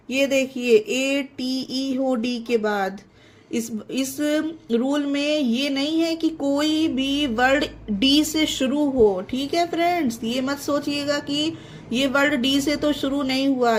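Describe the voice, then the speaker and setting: A high-pitched woman gives an online English pronunciation lesson. She spells each word letter by letter, then explains the rule to her viewers as friends. She speaks at a very slow, deliberate pace.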